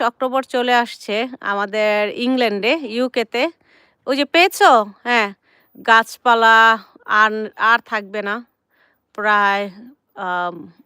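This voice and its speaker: A chatty woman in her thirties vlogs from her garden, her voice bright and crisp. She is close to the mic with a dry, roomless sound, gently coaxing her kids and turning to speak to her viewers. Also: on the high side, no echo. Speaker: vlogger and mother. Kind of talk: casual garden vlog chat. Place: home garden outdoors, sitting with tea.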